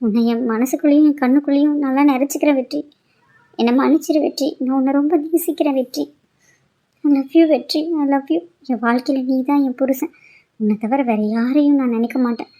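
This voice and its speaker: A woman's voice: sits high, quick pace. A woman voicing a proud young cartoon heroine. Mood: tearful. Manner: sharp, scolding then pleading. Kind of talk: cartoon drama dialogue.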